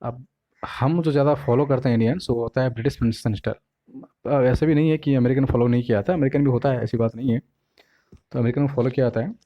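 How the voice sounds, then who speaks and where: An Indian-accented man with a medium-pitched, steady voice teaches English pronunciation casually, blending Hindi and English, asking "ठीक है?" and slowly sounding words out syllable by syllable. The recording is dry and lo-fi.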